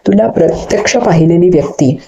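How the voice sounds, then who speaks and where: A cheeky, carefree older brother from a storybook mocks his soaked little brother, played by a woman narrator. The delivery is low and warm over a dull audiobook recording. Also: expressive, fairly quick. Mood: teasing. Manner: mocking, playful.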